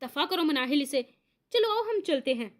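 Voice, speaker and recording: An easygoing young man, amused and calm, who soothes his friend. A woman narrator gives him a bright, high voice. His words come out light and relaxed. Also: normal speed.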